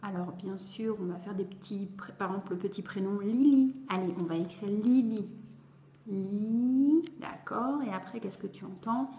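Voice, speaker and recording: A woman tutor explaining how to teach a child to read syllables, sounding each one out slowly and clearly and praising often. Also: medium pitch, mellow, highs cut off. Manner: slow, carefully articulated syllables, encouraging. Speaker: reading tutor for young children. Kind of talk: instructional video explaining phonics. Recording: roomy echo.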